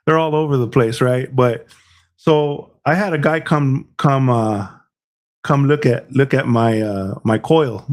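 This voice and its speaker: A middle-aged man co-hosting a podcast, telling stories in casual chat, rambling and restarting his words, with plenty of bro and dude. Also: mid-range voice. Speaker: podcast co-host.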